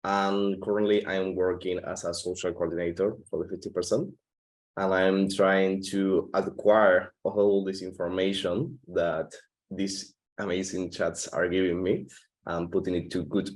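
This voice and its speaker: A physics student from Argentina, introducing himself deliberately on a video call. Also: male voice, low-pitched, level tone, rough recording. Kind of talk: casual self-introduction.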